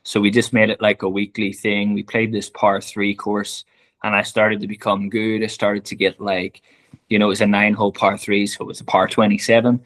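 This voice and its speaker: A Northern Irish golf director, speaking with a Northern Irish accent, is a guest on a podcast in a casual conversational interview. His fairly low voice is brisk and fairly bright with little pitch movement, and he talks earnestly and heartfelt, repeating "very much like".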